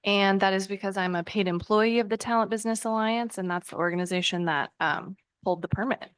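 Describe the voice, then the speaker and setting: A woman with a very clear, smooth voice of middle pitch gives a formal statement as a councilor. The recording is dry, with little room sound. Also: a little fast, no echo. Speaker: city councilor.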